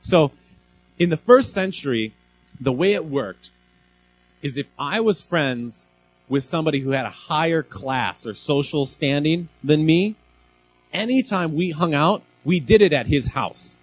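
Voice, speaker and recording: A man preaching an informal sermon, talking casually and animatedly with frequent restarts and quick asides to the congregation. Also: fairly high pitch, animated, slight background noise, poor audio. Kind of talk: conversational sermon.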